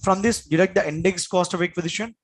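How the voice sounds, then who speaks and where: A man's voice: high voice, steady tone, quick pace. A man with an Indian accent giving a classroom lecture as an exam coach, in an emphatic, repetitive manner with frequent check-in questions.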